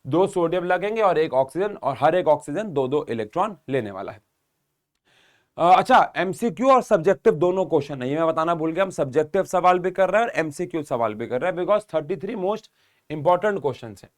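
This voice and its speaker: A man's voice: a little high, lively intonation, fairly quick. A young man teaching an exam-prep chemistry lesson, explaining step by step and speaking straight to his students.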